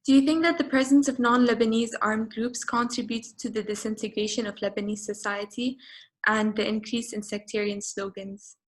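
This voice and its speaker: Woman interviewer, brisk direct questions, fairly high pitch. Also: fairly even intonation.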